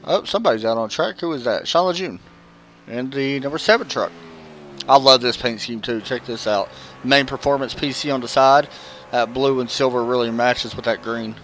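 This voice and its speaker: A man's voice: medium pitch, normal speed, fairly bright tone, slight background noise. Southern-accented man calling a sim race. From American South. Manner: casual, chatty, with frequent fillers. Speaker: race commentator. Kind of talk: live sim-racing commentary.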